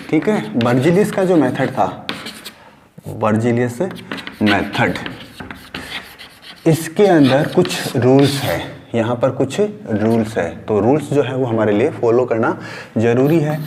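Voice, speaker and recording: A man's voice: mid-range voice, a little mellow, a little hiss or hum. A man from India teaching a science class, repeating key words and asking and answering his own questions as he writes on a board. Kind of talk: class lecture mixing Hindi and English. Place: room with a board.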